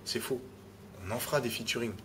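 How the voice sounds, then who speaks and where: A man's voice: medium pitch, flat delivery, a little fast, slight background noise. A man, a rapper being interviewed, talking casually and often restarting his phrases with "tu vois". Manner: repeats words, restarts phrases, adds "tu vois".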